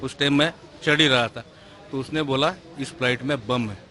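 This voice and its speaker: A man's voice: medium pitch, moderate pace, sharp tone. A man, a stranded air passenger, giving a detailed, aggrieved step-by-step account in an on-the-spot news interview outside an airport terminal.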